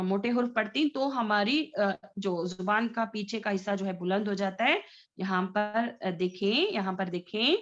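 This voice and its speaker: In a muffled recording, a woman with a medium-pitched, slightly bright voice leads Tajweed recitation practice. She draws out the letter sounds patiently and keeps checking whether her students understand.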